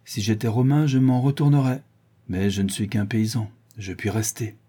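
A man reading a novel aloud, voicing a bitter, brooding young peasant hunter in a low, sombre tone. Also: fairly even intonation, moderate pace, dark tone, husky.

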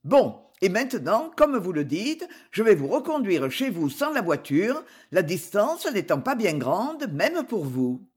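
A woman playing a measured, formal old lawyer. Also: mid-range voice, big pitch swings, darkish tone, slightly rough. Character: fussy, fair-minded older male lawyer. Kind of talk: audiobook character reading.

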